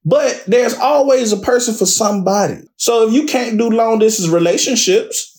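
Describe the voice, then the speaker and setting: A man's voice: very high voice, moderate pace, darkish tone. A man co-hosting a casual chat podcast, blunt and playful, speaking with emphasis. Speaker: podcast co-host.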